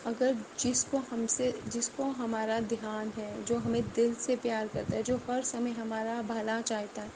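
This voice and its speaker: A woman's voice: on the high side, little pitch movement, unhurried, few pauses, background noise. A woman giving an earnest, emotional devotional testimony, repeating her phrases and speaking straight to her listeners.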